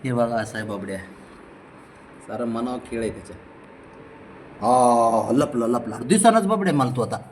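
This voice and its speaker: घरी फोनवर व्हिडिओ करत मांजराला आंघोळीसाठी लाडाने, चिडवत वारंवार हाका मारणारा, मराठी लहेजा असलेला पुरुष. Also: male voice, mid-range voice, expressive, moderate pace, pauses often, a little hiss or hum. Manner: coaxing, teasing, repeats calls. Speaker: cat owner filming his pets. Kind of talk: casual home video, coaxing a pet. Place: indoors at home.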